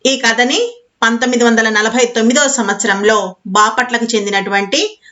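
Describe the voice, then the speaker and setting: A woman's voice: fairly high pitch, fairly even intonation, normal speed, pushed and bright, lo-fi sound. A woman teacher telling a story to young children, retelling each part with affectionate asides.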